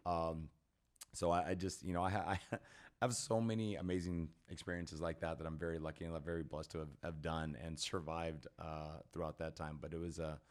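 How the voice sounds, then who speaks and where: A middle-aged man with a low, deep voice, talking as a guest on a podcast. He tells his stories in a casual, animated way, full of "like" and "man". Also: brisk. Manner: animated, lots of "like" and "man" fillers. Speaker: podcast guest, personal trainer. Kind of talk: casual storytelling.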